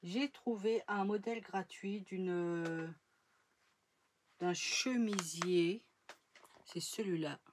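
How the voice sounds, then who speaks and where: A woman with a fairly low voice talks casually in a home sewing vlog, rambling and trailing off with plenty of fillers. Faint noise sits under the recording. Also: slow pace, long pauses. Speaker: sewing vlogger. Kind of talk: casual chat showing sewing projects.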